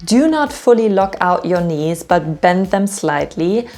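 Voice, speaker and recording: A woman giving an instructional talk to camera as a public speaking coach, with clear, direct, deliberate delivery and emphatic phrasing. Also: lowish voice, very animated, a little mellow.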